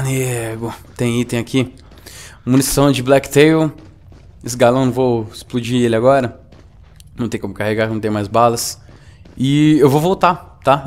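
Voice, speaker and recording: Man, gameplay commentary, excitable, swearing, faint music behind. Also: medium pitch. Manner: excitable, swears and yells at the boss. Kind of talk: live let's-play commentary.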